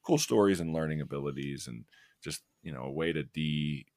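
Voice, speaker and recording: Male podcast co-host, very deep voice, dry and close, casual rambling chat. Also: a little fast, a little mellow, dry recording. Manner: rambling, self-interrupting, laughs at himself.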